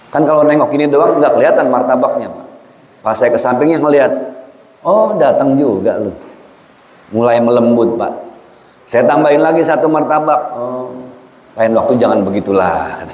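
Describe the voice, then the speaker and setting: A man's voice: mid-range voice, darkish tone. Male preacher in an echoey hall. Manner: humorous, storytelling, often addresses the audience directly. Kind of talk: lively sermon to a congregation.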